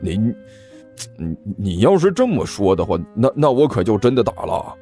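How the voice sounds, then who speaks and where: A man voicing a bruised, grumpy older brother who scolds and stammers, with soft music behind. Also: medium pitch, sing-song, normal speed, pitched above the performer's own voice, natural voice. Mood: reluctant. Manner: scolding, exasperated, stammering when flustered.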